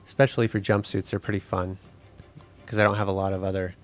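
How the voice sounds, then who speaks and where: A man in his thirties, a 3D game artist, narrating a tutorial voice-over in a relaxed, explanatory way. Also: deep voice, fast talker, faint music behind.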